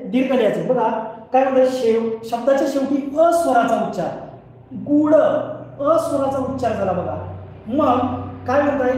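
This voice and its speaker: A man's voice: very high-pitched, dark tone. A male teacher giving an online grammar lesson. He explains patiently, asks questions and answers them himself, and repeats each rule several times. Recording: very echoey hall, voice far from the mic.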